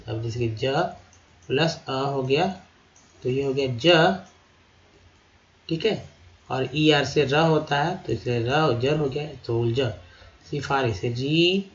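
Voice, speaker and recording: A man teaching English vocabulary in a slow lesson, sounding out each word syllable by syllable and repeating it. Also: mid-range voice, muffled recording. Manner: repeats words syllable by syllable, addresses viewers as friends.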